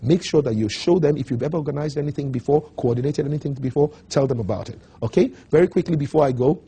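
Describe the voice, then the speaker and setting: A man delivers a coaching talk in a very husky voice with a dark, mellow tone. He is emphatic and drives his points home by repeating them. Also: a little high, fast. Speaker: motivational speaker.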